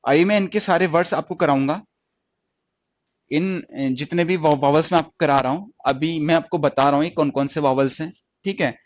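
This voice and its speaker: A man with a slightly high voice teaches stenography in a lecture, stretching out long vowel sounds for his students and repeatedly checking that they're following. The recording is dry, dull, lo-fi, and free of room sound.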